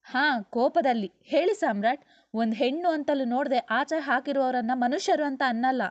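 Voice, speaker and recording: A woman's voice: high voice, moderate pace, no room sound, muffled recording, voice pushed up, natural voice. A woman voicing a proud, hurt young mother who argues with heat. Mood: bitter.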